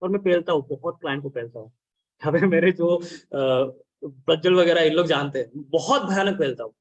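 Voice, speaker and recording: High-voiced blunt man coaching a team. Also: normal speed, lo-fi sound. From India. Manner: blunt, scolding, mixes Hindi and English. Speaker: business consultant and trainer. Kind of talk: training session talk.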